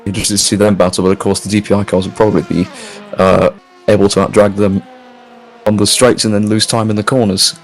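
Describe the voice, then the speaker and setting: A man's voice: lowish voice, flat delivery, fast talker, slight background noise. A man co-commentating an online endurance race, dry and teasing. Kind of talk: sim racing commentary.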